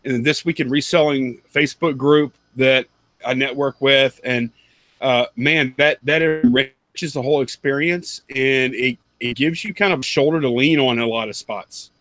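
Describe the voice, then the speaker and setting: A man's voice: medium pitch, steady tone, moderate pace, fairly bright tone, dry recording. A man in his thirties on a headset video call, giving advice in a rambling, self-correcting way and laughing often. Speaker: panelist, reseller. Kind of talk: casual video call chat. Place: home room with collectibles.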